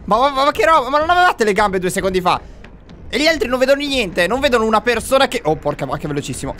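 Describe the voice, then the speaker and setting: A young man talks his way through a horror game, cracking jokes and talking to his viewers. His voice sits high and swings widely, jumping into frantic shouts when he gets chased. A faint hiss stays under the desk mic. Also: fast. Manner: excitable, jokey, swings to panicked yelling; addresses viewers directly. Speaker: gamer playing a horror game. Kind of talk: let's play commentary.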